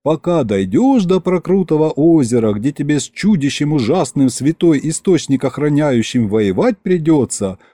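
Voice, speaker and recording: A man's voice: on the high side, very animated, normal speed, hardly any pauses, warm tone, no echo, pitched above the performer's own voice. A playful young wife from a folk-tale audiobook, put on by a male reader. She coaxes and teases in a folksy lilt that swings up and down. The recording is dry and close. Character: young affectionate teasing peasant wife.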